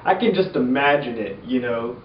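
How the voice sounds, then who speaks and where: A man's voice: mid-range voice, expressive, moderate pace. A man with an upbeat, slangy, jokey youth pastor manner, casually telling Bible stories for laughs. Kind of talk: casual comedic Bible storytelling to camera. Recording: roomy, distant, muffled, faint background noise.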